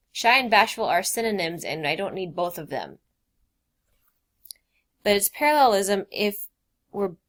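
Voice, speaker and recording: A woman teacher explaining grammar in a recorded lesson, reading out quoted examples with emphasis. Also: medium pitch.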